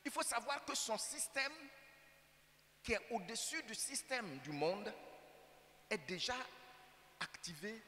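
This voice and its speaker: A man's voice: high-pitched, lively intonation, takes it slowly, long pauses, bright, forceful tone. A man with an Ivorian French accent preaching a sermon as pastor, emphatic and full of rhetorical questions to the congregation. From Côte d'Ivoire. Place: church sanctuary. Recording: church hall reverb with faint hum.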